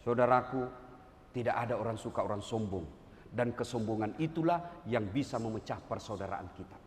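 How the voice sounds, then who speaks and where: A middle-aged man preaching a humorous sermon, switching between loud exclamations and quiet asides. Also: lowish voice, normal speed. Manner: animated, swings from loud exclamations to soft asides. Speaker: Islamic preacher. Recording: reverberant hall with faint background noise.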